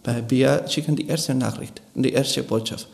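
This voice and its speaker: Man, Spanish speaker, gravelly voice, halting radio interview guest. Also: medium pitch, steady tone, a little mellow. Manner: hesitant, searching for words with restarts. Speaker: guest, Spanish course teacher.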